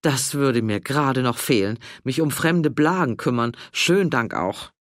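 A man voicing a brash, bossy older woman in an audiobook, loud and emphatic, coaxing one moment and scolding the next. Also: a bass voice, animated, a little slow, dry recording, studio quality. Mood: dismissive. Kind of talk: audiobook character voice.

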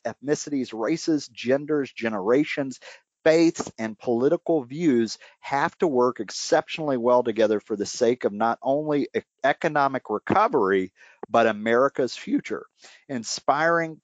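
A man hosting a radio money show from his bedroom, relaxed and chatty with many fillers. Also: medium pitch, no room sound. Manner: relaxed, chatty, frequent fillers and small laughs. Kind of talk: casual radio interview. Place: home bedroom. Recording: slightly dull, dry home recording.

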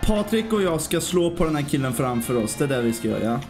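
Lively man checking the raid plan. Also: fairly high pitch. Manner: asks questions, checks the plan. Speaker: gamer in a raid. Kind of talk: gaming voice chat. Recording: game music behind the voice.

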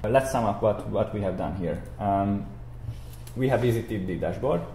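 A young man with a lowish voice teaches a software screencast, explaining haltingly and often repeating or rephrasing himself. He's in an indoor room beside a screen recording, and the audio has a roomy echo with noticeable background noise.

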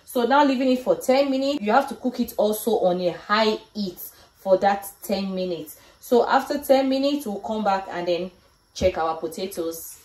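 A woman's voice: mid-range voice, animated, normal speed, a little mellow. A middle-aged woman casually explaining each cooking step to the camera in her home kitchen, recorded by a camera across the room. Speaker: cooking vlogger. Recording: echoey kitchen, faint noise.

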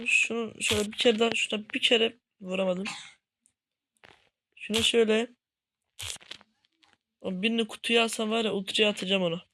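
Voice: medium pitch, fairly even intonation, normal speed, pauses often, bright, forceful tone, a little hiss or hum. A gaming channel host talking over gameplay at home, often frustrated, exclaiming and grumbling at teammates. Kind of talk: gameplay commentary.

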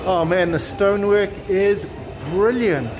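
A man in his fifties who makes travel vlogs speaks a little slowly in a high-pitched voice, giving an enthusiastic, casual walking tour of a windy outdoor shopping terminal with chuckles and exclamations. Wind, street noise and the crowd come through clearly.

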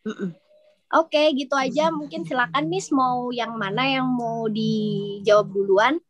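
A woman's voice: fairly high pitch, unhurried, dry recording, rough recording. A woman moderating an online class, speaking casually and hesitantly over a video call. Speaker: session moderator.

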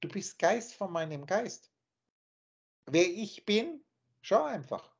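A man's voice: high-pitched, sing-song, slow, vocal fry, husky. Man lecturing emphatically over a dull call. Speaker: spiritual teacher. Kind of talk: lecturing monologue on a video call. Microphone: video call. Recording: dull lo-fi online call audio.

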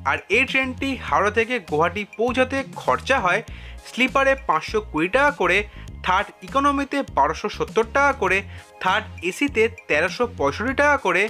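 A man reading scripted voice-over narration in an even, measured way. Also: high-pitched, faint music behind. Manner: even, measured, reads facts and figures.

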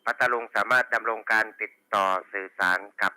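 Bright, low-voiced man dispatching over walkie talkie. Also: steady tone, fairly quick, clean tone, no echo. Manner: procedural, repeating call signs over walkie talkie. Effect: two-way radio. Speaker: police radio dispatcher. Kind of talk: formulaic police radio roll call, reading back station reports. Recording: walkie talkie radio channel.

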